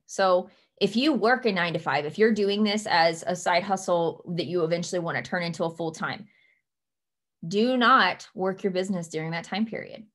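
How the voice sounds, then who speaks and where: A young woman leading her team from a home office over a webcam, giving earnest, emphatic advice and slowing down to stress her key points. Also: mid-range voice, a bit bright. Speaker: team leader. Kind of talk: motivational coaching talk.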